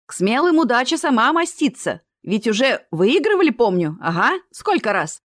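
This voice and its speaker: Cheeky male fairground barker, high-pitched and loud, dry sound, voiced by a woman reader. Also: big pitch swings, normal speed, dry recording. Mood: teasing. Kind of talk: audiobook character reading.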